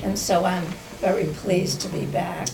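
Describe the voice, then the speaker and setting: An older woman, a guest poet, reading her own poems aloud with a slow, measured recitation at a community club. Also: fairly low pitch, creaky, recorded from a distance, noisy background.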